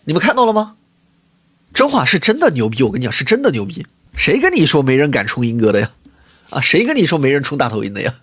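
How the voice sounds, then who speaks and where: A man ranting excitedly on a livestream, often repeating himself. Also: fairly high pitch, fast talker, breathy edge, no room sound. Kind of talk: livestream rant.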